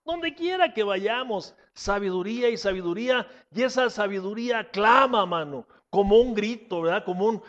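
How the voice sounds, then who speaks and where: Preacher man, high voice, emphatic delivery, slightly muffled recording. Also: animated, moderate pace, few pauses. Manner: emphatic, rising to loud exclamations and dropping to hushed asides. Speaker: pastor. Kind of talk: sermon.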